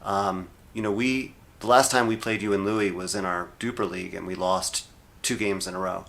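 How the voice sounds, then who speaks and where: A man's voice: deep voice, fairly even intonation, moderate pace, gravelly, fairly bright tone. A man co-hosting a podcast, chatting in an easygoing, hesitant way with many fillers. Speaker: podcast co-host. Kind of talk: casual chat.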